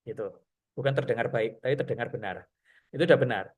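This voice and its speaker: A man teaching public speaking in a casual, chatty way, often pausing on fillers and acting out breathing and lip-trill exercises. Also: medium pitch, husky. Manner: chatty, filler-heavy, demonstrates breathing and sounds; says he has a radio announcer's voice. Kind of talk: casual online workshop lesson.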